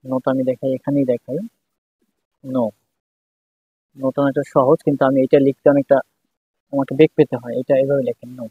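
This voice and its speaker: He teaches Japanese letters in a step-by-step writing lesson, patiently saying each syllable over and over. His delivery is flat and a little fast, with frequent pauses, and his medium-pitched voice is slightly rough. The sound is dry and tinny like a phone, with no room sound.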